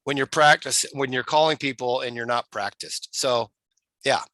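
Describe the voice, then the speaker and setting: A man's voice: mid-range voice, moderate pace, bright, forceful tone, no room sound. A man on a video call, enthusiastically explaining a sales training session. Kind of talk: casual video call chat.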